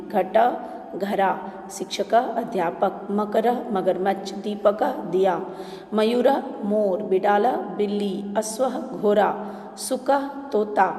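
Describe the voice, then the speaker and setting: Slow, deliberate woman teacher in echoey room. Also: mid-range voice, darkish tone. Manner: slow, deliberate word-by-word pronunciation drill. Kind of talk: recorded class lesson. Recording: roomy with long reverb.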